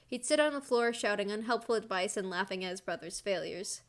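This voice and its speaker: A woman reading a story aloud on a stream, even and mid-pitched. Between passages she teases her friends playfully over a voice call. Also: fairly quick, a little hiss or hum. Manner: playful, teasing.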